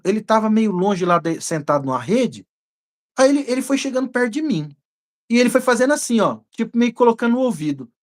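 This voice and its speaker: A man with a Brazilian Portuguese accent, a pastor preaching a teaching sermon and telling a personal story in a lively way. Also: extremely high pitch. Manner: lively storytelling, bursts into praying in tongues.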